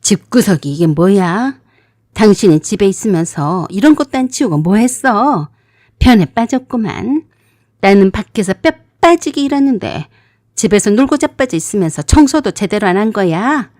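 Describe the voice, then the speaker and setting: A woman's voice: mid-range voice, expressive, a little slow, warm tone, no echo, studio quality. A woman voicing a drunken, abusive middle-aged husband who scolds and barks questions. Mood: nagging.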